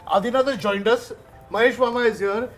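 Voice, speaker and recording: Chatty high-voiced man hosting lunch. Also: fairly quick, fairly bright tone, soft background music. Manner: chatty, laughs often, switches between English and Marathi. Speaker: food show host. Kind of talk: casual chat over lunch. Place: open-air terrace dining table.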